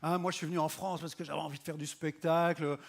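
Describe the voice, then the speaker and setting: A man from Belgium performing a stand-up comedy set on stage, with ironic, mock-earnest asides and halting restarts timed for laughs. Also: a little high, flat delivery, gravelly. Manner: halting restarts used for comic timing.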